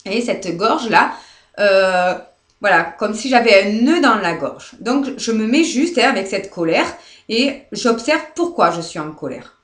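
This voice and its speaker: A French woman therapist guiding viewers through releasing anger, speaking softly and hesitantly, often asking "d'accord?" and near tears. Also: mid-range voice, big pitch swings, a little slow. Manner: soft, repetitive, often checks with "d'accord?"; hesitant, many fillers and restarts. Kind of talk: live guided demonstration. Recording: echoey room.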